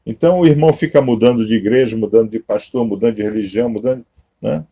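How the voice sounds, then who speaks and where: A man's voice: lowish voice, fast, mellow, slightly rough. A Brazilian man giving a conversational teaching sermon, tagging almost every phrase with a questioning aside. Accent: Brazilian Portuguese. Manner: conversational, constant "né?" and "tá?" tags. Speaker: Masonic-Kabbalistic teacher.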